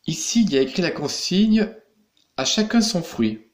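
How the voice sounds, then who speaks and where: A man's voice: high-pitched, sing-song, normal speed. A man teaching young pupils in a recorded lesson, patiently explaining each step. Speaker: primary school teacher.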